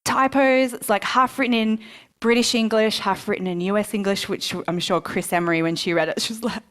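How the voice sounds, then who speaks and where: A woman's voice: mid-range voice, a little fast, clean tone. A woman speaking live to an audience at a book launch, chatty and self-mocking, acting out her own past thoughts. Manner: lively, chatty, self-mocking, quotes herself in asides. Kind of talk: live motivational talk to an audience. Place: event room before a live audience.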